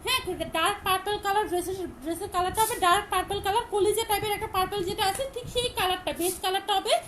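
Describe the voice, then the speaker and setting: A woman with a Bangladeshi Bengali accent hosts a live-stream dress sale. Her voice sits very high, and she talks fast and loud, repeating prices and details again and again. A faint hum of background noise sits behind her phone recording. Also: steady tone, poor audio. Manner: loud, repetitive sales pitch. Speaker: online shop seller. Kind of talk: live-stream product selling.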